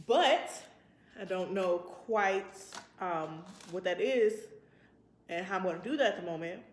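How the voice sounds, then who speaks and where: A vlogger in her twenties chats casually to camera, rambling in a reflective, informal way. Her voice is fairly low, with slight background noise, and the sound is roomy and echoey.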